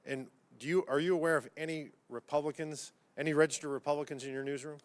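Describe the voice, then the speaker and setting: This congressman talks fast in a fairly high voice with fairly even intonation. He questions witnesses at a hearing in a combative, folksy, pointed style, saying "y'all."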